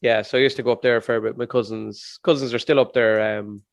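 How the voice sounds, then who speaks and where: A man's voice: mid-range voice, fairly even intonation, fast, vocal fry, no echo. A man in his thirties with an Irish accent, hosting a casual, colloquial, sweary chat. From Ireland. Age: 30s. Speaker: podcast host.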